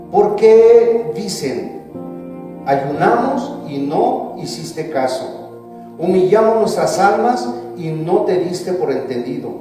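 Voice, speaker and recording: A man preaching a sermon as pastor, with emphatic rises and drawn-out stressed words. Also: fairly high pitch, dark tone. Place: church sanctuary. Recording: echoey church hall, voice from a distance.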